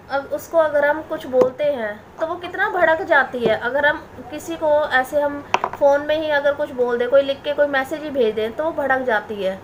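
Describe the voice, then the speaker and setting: Woman vlogger, high voice, indignant and defensive, repeats herself, faint background noise. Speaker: family vlogger. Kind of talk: direct-to-camera vlog rant.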